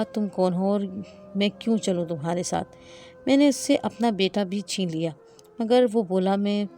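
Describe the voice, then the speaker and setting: Female storyteller, warm mellow voice, emotional first-person narration over faint music. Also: mid-range voice. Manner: emotional, dramatic reading.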